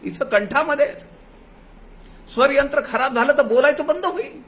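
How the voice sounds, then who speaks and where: A man giving a devotional discourse as a spiritual teacher, explaining patiently, chanting verse lines slowly and dropping folksy asides. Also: extremely high pitch, lively intonation, sharp tone.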